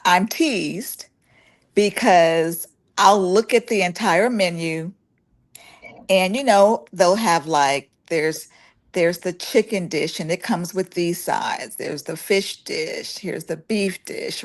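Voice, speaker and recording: A woman's voice: on the low side, slow pace. A woman co-hosting a casual chat, explaining her point with everyday examples.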